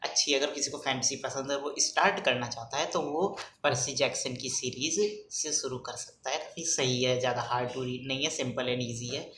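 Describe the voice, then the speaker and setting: A young man vlogging in a casual, rambling way, talking softly and hesitantly with many fillers. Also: medium pitch, steady tone, moderate pace, hardly any pauses. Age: young adult. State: speaking softly, kept quiet. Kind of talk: casual rambling vlog talk. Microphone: phone front camera. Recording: echoey room, faint background noise.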